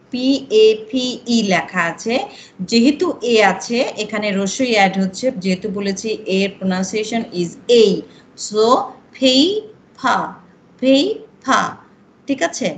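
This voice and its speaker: A woman's voice: medium pitch, slight background noise, poor audio. A woman with a Bangladeshi accent teaching English pronunciation, explaining patiently and mixing in English example words. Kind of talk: online class instruction.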